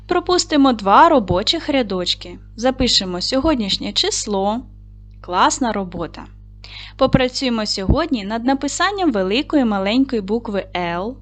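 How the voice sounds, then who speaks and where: A woman teaching an online lesson to young schoolchildren, speaking slowly and clearly in an encouraging classroom manner. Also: fairly high pitch, fairly bright tone.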